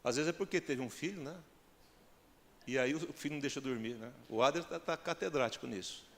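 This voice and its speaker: A man's voice: medium pitch, fairly quick, creaky, a bit bright. A male pastor with a Brazilian accent preaching a sermon, firing rhetorical questions at the congregation and building to emphatic peaks. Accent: Brazilian Portuguese. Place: church hall. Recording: long church hall reverb.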